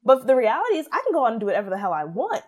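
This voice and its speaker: A young woman talking through her views in a casual podcast conversation. She is opinionated and animated, acting out what other people said as she goes. Her voice sits a little high. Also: rapid-fire, husky.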